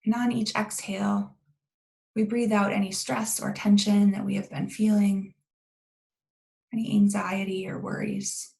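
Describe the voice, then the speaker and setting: A woman leads a meditation calmly and gently, her mid-range voice often sinking into a pronounced creak. She takes her time, leaving long pauses between short phrases, and the audio quality is poor.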